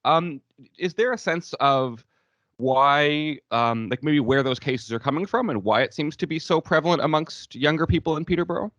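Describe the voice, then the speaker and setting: A man's voice: on the high side, moderate pace, a bit bright, no room sound. Man, reporter, remote call line, muffled lo-fi, dry, hesitant questions. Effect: heard over a remote call line. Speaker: radio reporter. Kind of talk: asking questions at a press briefing.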